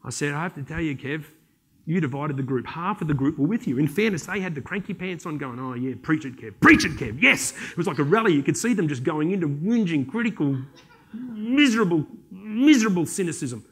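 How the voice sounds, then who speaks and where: A man's voice: a little high, slightly rough. An Australian man giving a conference keynote, telling comic stories and briefly slipping into voices for the people in them. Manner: animated, joking, slips into quick voices for people in his stories. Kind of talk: comic storytelling talk to an audience.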